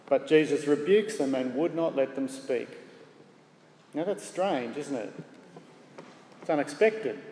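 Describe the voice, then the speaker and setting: A man preaching a sermon in a measured way, asking the congregation rhetorical questions. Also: a little high, dark tone, a little hiss or hum. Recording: echoey hall with faint ambience.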